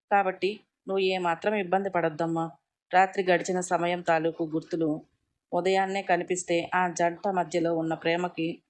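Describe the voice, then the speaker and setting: A woman's voice: lowish voice, lightly acted. A woman voicing an affectionate middle-aged mother-in-law in a storybook reading, soothing and motherly.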